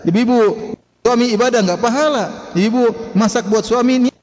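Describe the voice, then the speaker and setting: A man's voice: extremely high pitch, normal speed, a little mellow. A male preacher giving a conversational sermon, questioning the audience and laughing now and then. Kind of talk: sermon lecture. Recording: dull reverberant hall recording.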